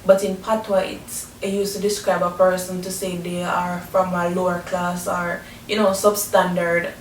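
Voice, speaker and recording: Jamaican lady explaining stuff like a lesson, pretty even pitch, roomy and a bit far from the mic. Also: normal speed. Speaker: presenter explaining language and culture. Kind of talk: explanatory educational talk. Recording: roomy echo, distant mic, faint rumbling noise.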